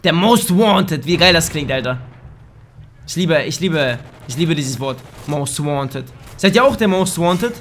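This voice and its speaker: Young male gamer, high-pitched and a bit hoarse, crude and excitable, yelps at his screen, faint game gunfire behind. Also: unhurried, slight background noise. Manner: excitable, crude, bursts into shouts. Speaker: gaming YouTuber. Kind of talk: casual let's play commentary. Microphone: desk microphone.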